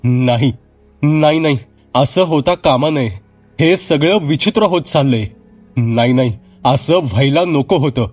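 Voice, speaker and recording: A man's voice: mid-range voice, animated, measured pace, slightly rough, faint music behind. A man voicing an older village mother who speaks in a weary, tender way and breaks into alarmed cries. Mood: panicked.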